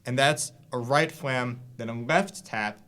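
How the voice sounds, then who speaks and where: A man's voice: mid-range voice, measured pace, a bit bright. A man giving a casual drum lesson, explaining loosely with fillers and restarts. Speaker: drum teacher. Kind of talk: casual instructional talk. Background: drum hits between lines.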